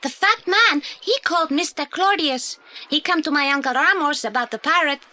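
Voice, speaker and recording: In a 1980s audio play, an actor voices an earnest, polite young boy who speaks broken English with a Spanish accent. The voice is high-pitched, pushed and bright, at normal speed, with an eager, earnest mood.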